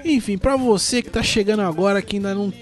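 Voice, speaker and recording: A high-voiced, fast-talking sports podcast host from São Paulo chats casually about sports news despite having the flu, his voice congested from a cold. He rambles, pokes fun at himself, and leans heavily on slang.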